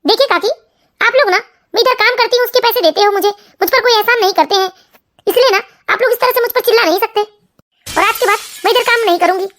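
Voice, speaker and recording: Woman doing a snappy defiant maid, very high voice, quick, cartoon story. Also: fairly bright tone. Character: sharp-tongued housemaid quitting, adult woman.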